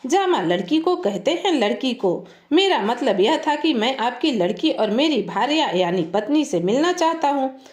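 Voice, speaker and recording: A self-important young groom with a foolish scholar's pride, as a woman storyteller puts him on, lecturing and scolding in a pedantic tone. The voice sits high and swings widely in pitch. It is heard in an echoey room. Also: very animated, normal speed, a little mellow. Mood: pompous.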